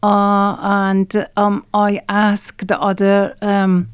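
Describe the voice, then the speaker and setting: A woman from Iran with an Iranian accent, talking in a halting, hesitant way as a guest in a radio studio interview. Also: medium pitch, monotone, clean tone, no room sound. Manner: halting and hesitant, many pauses and fillers. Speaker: guest singer.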